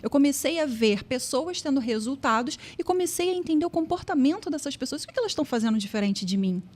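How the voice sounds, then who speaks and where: A woman's voice: high voice, animated, quick pace, darkish tone. A woman hosting a podcast, chatting casually and asking her guest questions. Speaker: podcast host.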